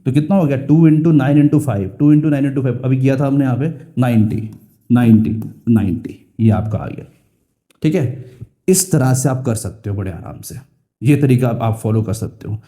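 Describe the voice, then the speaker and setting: A man's voice: medium pitch, warm tone. A young man with an Indian English accent teaching a school math lesson, repeating key phrases and asking and answering his own questions.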